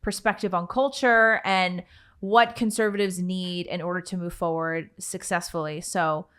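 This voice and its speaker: A woman's voice: on the low side, steady tone, normal speed, a bit bright, clear, resonant tone. A woman from the United States co-hosting a casual podcast, introducing and questioning her guest. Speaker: podcast co-host.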